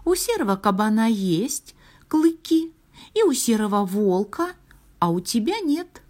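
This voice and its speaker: A woman voicing a mocking female magic star in a fairy tale, speaking in a drawn-out, taunting way. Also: on the high side, sing-song, darkish tone, voice pushed up. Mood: teasing.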